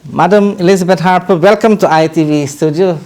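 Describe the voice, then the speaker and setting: A man's voice: sits high, fairly quick, darkish tone. A man hosting a TV interview program in a studio, asking questions in a formal, somewhat hesitant way. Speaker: TV interview host.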